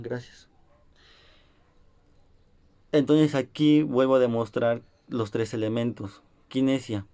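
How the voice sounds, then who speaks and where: A young man presenting to a class in a calm, explanatory way, now and then acting out a quick example. His voice is mellow and smooth, at a middle pitch. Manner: explanatory, acts out short examples. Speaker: student presenter.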